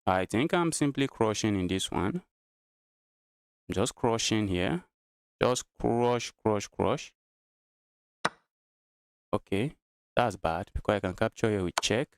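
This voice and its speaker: Nigerian guy talking thru his chess moves, lowish smooth voice, keeps repeating himself. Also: animated, a little slow, no echo, clean studio sound. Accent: Nigerian English. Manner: thinks aloud, repeats phrases. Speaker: chess streamer. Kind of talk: live-streamed chess commentary.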